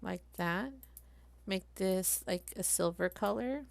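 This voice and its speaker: A woman live-streaming a craft software tutorial, chatty and thinking aloud as she works. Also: medium pitch, slow pace, vocal fry, dry recording.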